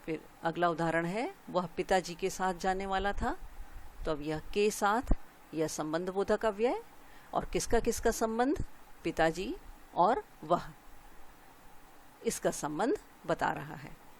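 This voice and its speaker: A woman's voice: fairly low pitch, lively intonation, a little hiss or hum. Woman teaching grammar patiently. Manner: explains slowly, pausing to point out each example. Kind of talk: Hindi grammar lesson.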